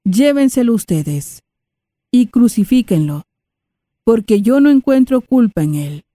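A woman's voice: on the high side, big pitch swings, measured pace, dark tone, dry recording, voice pushed up. A woman reading the part of Pilate, a stern male Roman governor, in a raised, questioning voice.

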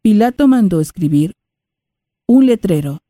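A woman reading scripture in a slow, measured way. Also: mid-range voice, expressive, mellow, no echo, studio quality. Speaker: scripture reader.

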